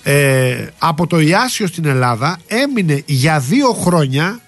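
A man's voice: on the high side, sing-song, soft background music. A man hosting a radio show, chatting casually and reading a text aloud with his own asides. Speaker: radio host.

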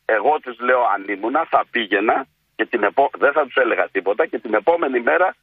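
A man calling in as a colleague, talking nonstop and quickly. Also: medium pitch, animated, husky, no echo. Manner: nonstop, rapid talker. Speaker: caller, colleague. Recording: tinny phone line.

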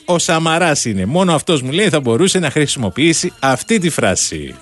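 A man's voice: fairly high pitch, sing-song, soft background music. A man hosting a call-in radio quiz, teasing and playful with his callers.

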